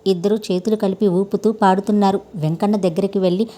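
A woman storyteller reading a scripted tale with steady, measured delivery. Her voice is mellow and soft-edged, neither high nor low. The reading stays calm and even throughout.

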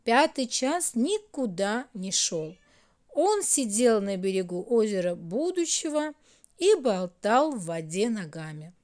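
A woman narrating a children's fairy tale in an expressive storytelling manner. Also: medium pitch, takes it slowly. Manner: sing-song, expressive.

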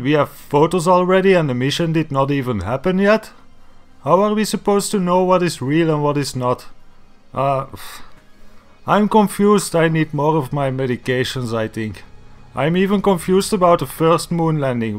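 A man YouTuber in an exasperated, sarcastic comedic rant, swearing often. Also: a little high.

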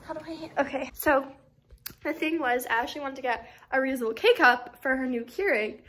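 A woman's voice: high voice, normal speed, fairly bright tone, slight background noise. A young woman in college chatting casually to her phone camera, giggly and rambling with lots of "like" and "literally". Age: young adult. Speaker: vlogger, college student. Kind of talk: casual phone vlog chat. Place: dorm room and campus lab building. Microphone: phone held at arm's length.

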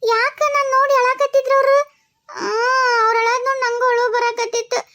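A woman's voice: very high voice, flat delivery, a little fast, pushed and bright. A woman with a North Karnataka Kannada accent voicing all the characters of a cartoon family drama in a tearful, pleading way. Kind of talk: emotional cartoon voice acting.

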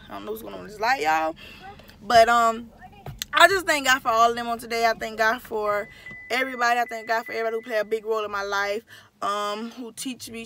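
A woman vlogger speaking straight to her camera with a bright, forceful voice pitched a little high. She is effusive and excitable, circles back over the same phrases, and rushes ahead in quick bursts. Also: slight background noise. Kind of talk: heartfelt talk to camera.

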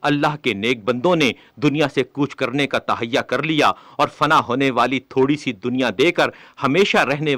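Man, religious book reading, measured and solemn, mid-pitched, no room echo. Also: sharp tone. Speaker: reader of a religious text.

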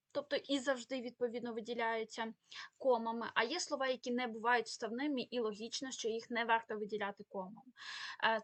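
A woman's voice: fairly high pitch, no room sound. A woman teaching a spoken grammar lesson, explaining rules with many fillers and self-corrections. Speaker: Ukrainian language teacher.

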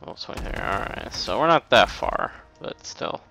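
A man's voice: lowish voice, lively intonation, moderate pace, vocal fry, bright, forceful tone, faint music behind. A man giving casual, rambling commentary over a video game, swearing often and mocking himself. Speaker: let's play gamer.

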